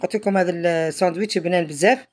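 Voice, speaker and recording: Her fairly low, husky, darkish voice comes out rapid-fire as she narrates a home cooking tutorial. The woman, a home cook with an Algerian Arabic accent, keeps it chatty and often trails off mid-phrase.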